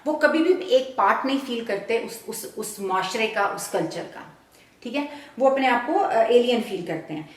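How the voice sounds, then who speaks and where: A woman's voice: a little high, expressive. Woman panelist, roomy and distant. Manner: explanatory, conversational. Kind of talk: casual panel discussion.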